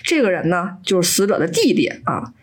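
Lively woman podcast host. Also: on the low side, brisk, slightly rough. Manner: animated, laughing, slips in short character voices. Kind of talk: casual story recap.

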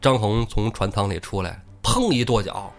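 A man hosting a comic storytelling podcast, retelling an old tale in lively, colloquial speech. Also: on the low side, moderate pace, faint music behind. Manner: lively, colloquial, swearing casually.

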